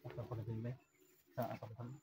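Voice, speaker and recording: A man chatting quickly with friends on a mountain and talking to viewers. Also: mid-range voice, monotone, very noisy. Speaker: vlogger on a jungle outing. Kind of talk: casual chat among friends. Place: outdoors on a mountain.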